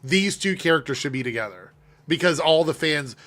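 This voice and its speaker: A man's voice: on the high side, brisk. A man hosting a casual livestream chat, reading viewer messages and laughing often. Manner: chatty and animated, laughs often. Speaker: livestream host.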